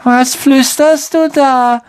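A reader voicing a sulky, weepy teenage ghost girl in a very high, tearful, drawn-out whine. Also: steady tone. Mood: suspicious. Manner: self-pitying, drawn-out whining. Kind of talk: audiobook reading.

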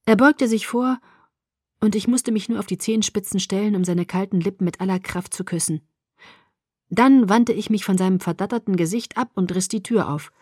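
A woman reads a first-person audiobook in a measured, expressive way. Her voice sits at a middle pitch and is recorded dry and close, with no room sound at all. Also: no echo. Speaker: audiobook narrator.

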